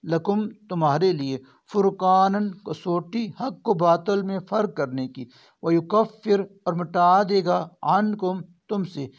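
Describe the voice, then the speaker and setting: A man reading a verse-by-verse scripture translation, measured and phrase by phrase. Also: high voice, lo-fi sound. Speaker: translation reader.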